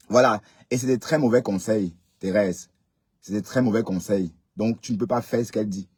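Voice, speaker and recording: A man's voice: mid-range voice, a little mellow, breathy edge, no room sound. A man hosting a live stream, commenting casually and emphatically, repeating phrases and checking that listeners agree. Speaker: livestream host.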